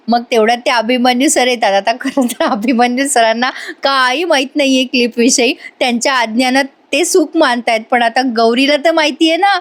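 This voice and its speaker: A woman narrating a voice-over recap of a TV serial episode in a lively storytelling way. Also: a little high.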